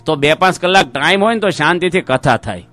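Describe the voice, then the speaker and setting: A man's voice: on the high side, lively intonation, fairly quick, pushed and bright, faint music behind. A man, a monk giving a sermon to a seated gathering and telling anecdotes. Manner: storytelling, briefly acting out the people in his stories. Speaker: monk giving a religious discourse. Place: religious gathering before a seated audience.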